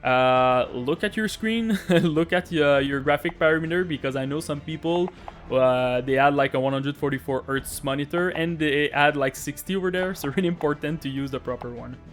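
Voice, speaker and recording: Chatty French Canadian man, slightly high voice. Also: moderate pace, soft background music. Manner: chatty, repeats "really important", hesitant fillers. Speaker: gaming tech YouTuber. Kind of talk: casual screen-recorded tutorial.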